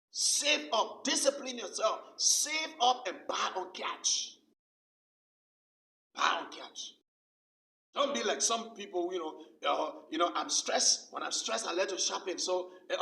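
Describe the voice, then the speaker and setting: A man's voice: high voice, vocal fry, pushed and bright. A male pastor preaching a sermon with emphasis, repeating his key phrases over and over. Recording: roomy sound from a distant mic.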